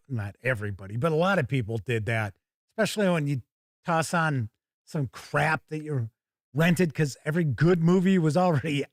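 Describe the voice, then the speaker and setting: Here a middle-aged man with a higher-pitched voice hosts a tabletop gaming livestream, giving a casual chat and a first look at a product. He rambles in a chatty, informal way with some mild swearing, and the studio sound is clean with no room echo.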